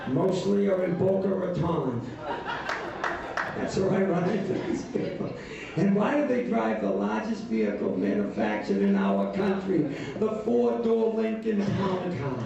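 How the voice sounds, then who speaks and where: Man in his sixties, stand-up comic with a wry, mocking delivery and a high voice. The set is recorded from far off in a boomy, muffled room, with loud crowd laughter and heavy room noise underneath. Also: heavy reverb. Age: 60s. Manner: wry, mocking, jokey storytelling. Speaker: stand-up comedian. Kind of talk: stand-up routine. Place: live comedy venue with an audience.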